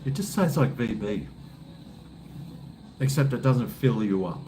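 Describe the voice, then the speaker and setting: A man's voice: mid-range voice, expressive, a little slow. A man with an Australian accent chatting casually to his viewers in a laid-back, blokey, rambling way. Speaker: livestream cooking vlogger. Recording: faint background noise.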